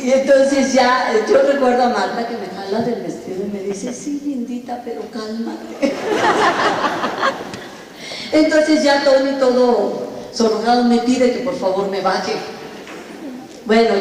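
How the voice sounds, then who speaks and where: A woman tells a personal story on stage, animated and poking fun at herself. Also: on the high side, background noise. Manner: animated, self-mocking storytelling. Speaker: speaker at a business event. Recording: echoey hall, distant mic.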